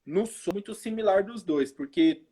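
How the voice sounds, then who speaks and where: A man from Brazil, a guest researcher explaining technical points calmly in a live online interview, his audio glitching and cutting out over the internet call. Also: sits high, moderate pace, breathy edge. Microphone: remote call over the internet.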